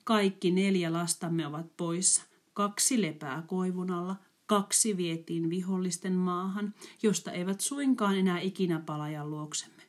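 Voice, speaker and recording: A woman's voice: on the low side, natural voice. A woman voicing a grieving father in a storybook reading, speaking mournfully. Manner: mournful, heavy. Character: grieving middle-aged father, sorrowful farmer.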